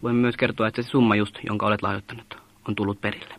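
Hesitant, measured man explaining. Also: fairly low pitch, level tone, dry recording. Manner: measured, with frequent hesitation sounds. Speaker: mission organization leader. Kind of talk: explaining in an interview.

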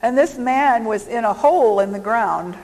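Woman preacher, slightly high voice, reverberant hall. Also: expressive, a little mellow. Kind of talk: sermon spoken for live interpretation. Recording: echoey hall.

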